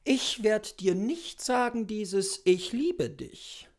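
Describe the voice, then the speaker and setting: A woman who reads literary texts performs lyrics as a dramatic poem, drawing out her words with playful, mock solemnity. Her mid-range voice is animated and unhurried, and she's indoors with bookshelves around her.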